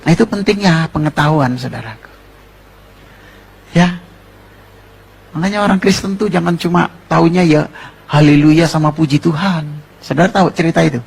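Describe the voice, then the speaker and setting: Betawi guy preaching, really husky raspy voice sitting kinda high, jokey and fired up, throws questions at the crowd. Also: normal speed, long pauses. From Jakarta, Indonesia. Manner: animated, joking preaching with rhetorical questions. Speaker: pastor. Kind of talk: sermon.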